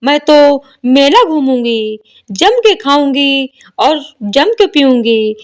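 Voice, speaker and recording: A woman's voice: high voice, very animated, takes it slowly, full character voice. A woman voicing a spoiled young wife who talks back dismissively. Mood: defiant. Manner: dismissive, stubborn.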